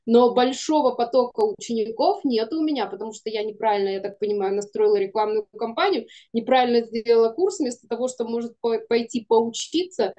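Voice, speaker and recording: A woman in her forties, an animation studio producer, chats casually as a guest on a video call from an indoor room. Her slightly high, very mellow and relaxed voice moves fairly quickly with few pauses. Frank and self-deprecating, she laughs while talking and explains things informally.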